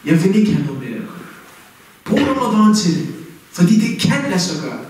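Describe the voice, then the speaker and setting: A man giving a lively, direct mosque talk as an Islamic teacher, asking his listeners questions. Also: high voice. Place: mosque hall. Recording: very echoey hall, mic far off.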